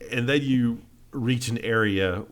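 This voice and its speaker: A man's voice: mid-range voice, slow pace. A man narrating as game master of a tabletop game, describing scenes with hesitant fillers.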